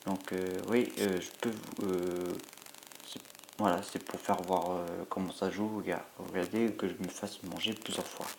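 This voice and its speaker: With a low, level voice at a measured pace, a congested man who didn't sleep last night comments on the mobile game he's playing. His talk is rambling, hesitant and packed with fillers, and there's slight background noise.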